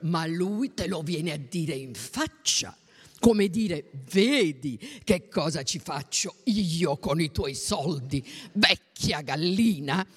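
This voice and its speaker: A reader voicing a blunt, loud older woman who rants indignantly, in a storybook reading. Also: mid-range voice, lively intonation, slow, slightly rough, voice pushed down, full character voice. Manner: indignant ranting, shouting. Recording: long reverb.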